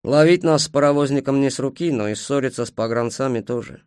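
A man voicing a gloomy, shrewd young male fiddler who speaks in a grim, measured way in an audiobook. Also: mid-range voice, a little mellow, smooth, no room sound, clean studio sound, close to an everyday voice.

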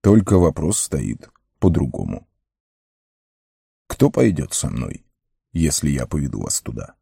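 A man doing a grave old wizard, very deep. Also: sing-song, gravelly, warm tone, slightly rough, no echo, studio quality, heavily acted. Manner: grave, measured.

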